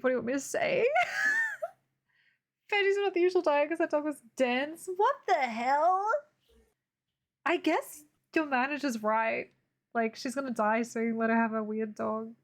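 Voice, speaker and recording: A woman's voice: high-pitched, expressive, moderate pace. A young woman streaming while she draws, chatting casually and laughing often. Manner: giggly, laughs often, playful. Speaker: art streamer. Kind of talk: casual chat while drawing.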